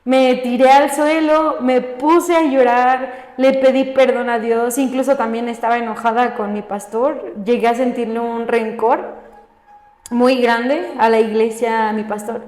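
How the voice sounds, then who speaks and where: High-voiced woman telling her testimony. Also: fairly even intonation, measured pace, a little mellow. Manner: frequent questioning tag "¿no?" after phrases. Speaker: guest sharing her testimony. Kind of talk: personal faith testimony in a podcast conversation. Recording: echoey room with long reverb.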